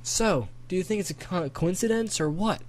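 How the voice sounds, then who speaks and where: Man doing a shy curious kid voice, pitched up, full of questions. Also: animated, normal speed, a little hiss or hum. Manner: hopeful, inquisitive. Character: curious young boy, timid and eager. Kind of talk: amateur audiobook character voice.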